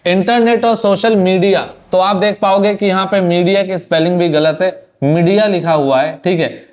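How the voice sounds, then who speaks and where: A young man with a slightly higher voice runs through a student's exam answers. He speaks Hindi in a loose, conversational way and often repeats a word. English phrases keep turning up in his speech. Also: steady tone, moderate pace, a little mellow. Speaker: exam prep teacher. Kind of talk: Hindi lesson reviewing an answer sheet.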